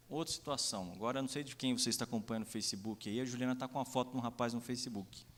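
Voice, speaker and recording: A man's voice: mid-range voice, a bit bright. A young adult Brazilian man preaching a sermon, telling personal stories and acting out the dialogue. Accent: Brazilian Portuguese. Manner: storytelling, acts out dialogue, many "né?" asides. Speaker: pastor. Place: church sanctuary. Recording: long reverb of a church hall.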